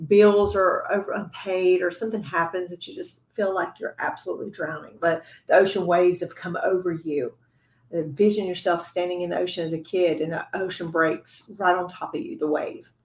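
A woman giving a devotional Bible teaching to other women, earnest and conversational, sometimes dropping to a soft whisper. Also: medium pitch, echoey room.

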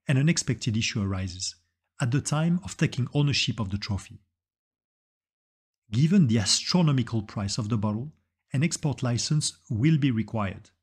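A man's voice: medium pitch, a little mellow, husky. A man giving a scripted narration, telling a story with dramatic, suspense-building delivery.

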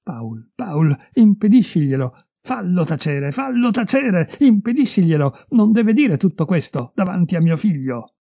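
A distraught mother, voiced by a male reader pleads in a high, shrill, desperate voice. The dark timbre of the reader still sits underneath. The recording is dry and close. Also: big pitch swings, unhurried, gravelly, hardly any pauses, dry recording, exaggerated voice. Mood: frantic.

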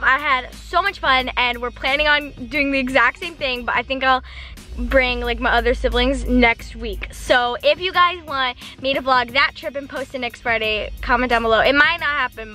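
A teenage girl vlogging casually into a handheld phone camera, bubbly and excitable. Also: high voice, a little fast, faint music behind. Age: teens. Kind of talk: casual vlog. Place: car interior.

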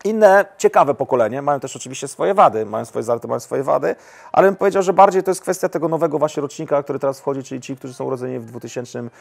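A national women's team football coach in his forties answers interview questions indoors, in a lounge with armchairs, frequently repeating words and restarting sentences. His mid-range voice is creaky and he talks very fast.

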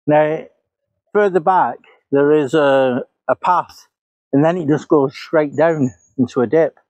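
A paranormal investigator muses aloud in woodland, retracing his steps for a casual walk-and-talk vlog. His voice is fairly high with a darkish tone and measured pace, recorded on a clip-on lapel mic with dull audio and no echo.

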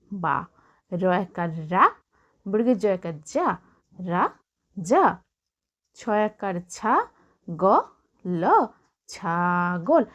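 Woman teacher from Bengal, higher voice, slow drawn-out spelling drills for kids, dull lo-fi sound. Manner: slow, drawn-out letter-by-letter spelling with encouraging asides. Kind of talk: children's spelling lesson.

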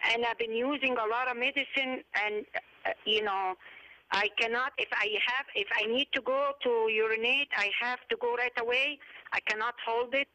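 A woman's voice: on the high side, steady tone, slow pace, pushed and bright. A woman in her sixties calling a TV show by phone, mixing Arabic and English as she asks her question. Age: 60s. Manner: switches between Arabic and English mid-sentence. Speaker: caller. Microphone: telephone. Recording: dull phone line.

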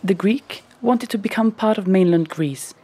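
A woman giving scripted documentary narration in an even, explanatory manner. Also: mid-range voice, moderate pace, husky.

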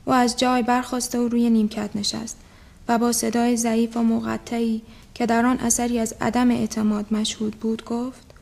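A woman, played by an actress reading a novel aloud in a steady, measured voice. Her voice is a little high and keeps an even pace. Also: close to an everyday voice.

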